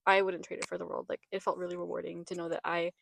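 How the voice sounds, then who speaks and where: A woman's voice: fairly low pitch, completely flat delivery, fast talker, creaky, a bit bright. A young woman hosting a podcast in casual chat, talking in a chatty, rambling way with restarts. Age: young adult. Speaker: podcast host. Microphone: podcast mic.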